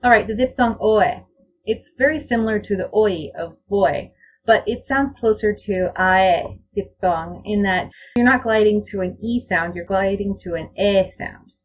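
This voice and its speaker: Woman language teacher, husky voice, mid pitch, deliberate word-by-word examples. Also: rough recording. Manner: reads out example words one by one, slow and deliberate. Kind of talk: slide-show lecture on pronunciation.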